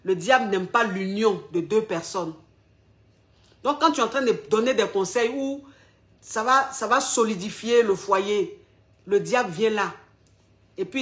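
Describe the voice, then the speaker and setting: A woman relationship coach giving marriage advice, emphatic and repeating each point twice, with pointed questions aimed straight at her listeners. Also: medium pitch.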